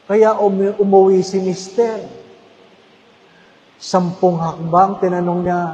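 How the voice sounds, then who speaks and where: High-voiced priest in an echoing church. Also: male voice, warm tone. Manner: storytelling, humorous, addressing congregation. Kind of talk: homily. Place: parish church. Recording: church with long reverb.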